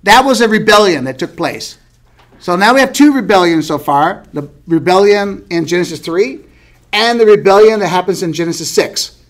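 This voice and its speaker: High-pitched middle-aged male Bible teacher, chatty, quizzes his small class. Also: expressive, moderate pace. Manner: conversational, asks the class questions, light laughs.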